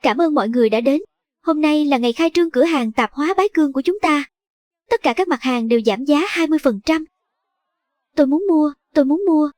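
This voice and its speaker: High dry-voiced woman reading a drama recap. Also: animated, quick pace, darkish tone, no room sound. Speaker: recap voice-over reading all roles. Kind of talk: scripted drama recap dub.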